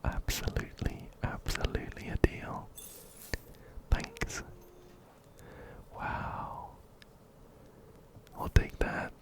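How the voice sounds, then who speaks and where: Hosting an ASMR game playthrough, a man whispers soft and breathy into a close binaural mic that picks him up ear to ear. He takes his time and often repeats words and phrases.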